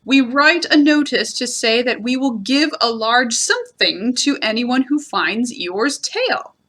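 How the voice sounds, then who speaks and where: A woman voicing a wordy, self-important male owl in a storybook reading, explaining things with drawn-out emphasis. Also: a little high, very animated, a bit bright, heavily acted. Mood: pompous.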